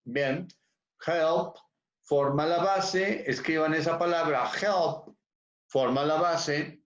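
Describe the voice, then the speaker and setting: A man's voice: fairly high pitch, slow. A man teaching English over a video call, repeating words and checking on his students. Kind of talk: online class teaching. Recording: dull echoey room audio.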